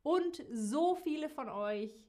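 A woman who teaches a live geography lesson to viewers, speaking slowly and clearly and repeating key words. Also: sits high, animated. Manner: slow, repeats key words, warm direct address to viewers. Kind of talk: slow, clearly articulated live-stream lesson.

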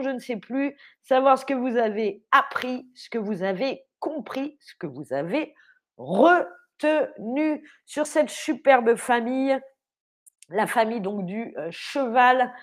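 A young woman leads a French vocabulary lesson on a livestream, cheerful and encouraging with her viewers. She speaks slowly and deliberately, spelling words out letter by letter in a fairly high voice. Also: lively intonation. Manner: upbeat, encouraging, quizzes viewers. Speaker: French teacher hosting a livestream. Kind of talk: live online vocabulary lesson.

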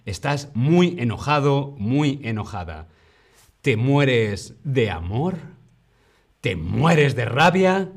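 A man from teaching a live online lesson, saying example phrases slowly and drawn out, with lively exclamations between them. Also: medium pitch. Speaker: Spanish teacher.

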